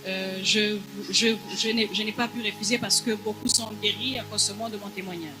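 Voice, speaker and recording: High-voiced man interpreting haltingly. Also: steady tone, over music. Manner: halting, many hesitations. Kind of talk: live church interpreting.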